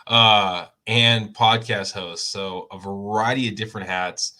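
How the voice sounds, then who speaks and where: Bright-toned podcast host, a man. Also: lowish voice, steady tone, unhurried. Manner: friendly, self-correcting, stumbles over names. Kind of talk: casual interview chat.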